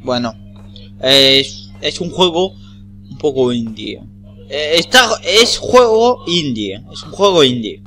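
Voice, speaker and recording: A man's voice: mid-range voice, animated, takes it slowly, pauses often, bright, forceful tone, soft background music. A man with an accent from Spain giving casual, rambling, repetitive gameplay commentary with plenty of swearing. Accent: Spanish from Spain. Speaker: gamer.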